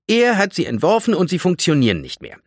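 A man voicing a condescending young female tree nymph in a storybook reading, raised high above his own voice. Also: wildly swooping pitch, fairly quick, dry recording, clean studio sound, exaggerated voice. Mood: haughty. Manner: condescending, know-it-all.

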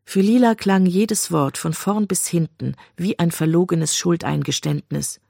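Gravelly-voiced audiobook narrator. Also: medium pitch, unhurried, warm tone, dry recording. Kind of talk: scripted narration of a novel.

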